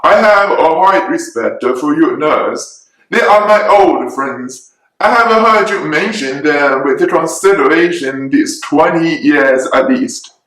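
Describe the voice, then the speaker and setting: Man playing a dry, sarcastic, slow-talking husband. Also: on the high side, animated, a bit bright. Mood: mocking, unruffled. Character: dry, sarcastic, teasing middle-aged husband and father. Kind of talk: dramatic reading of a classic novel. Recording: echoey room.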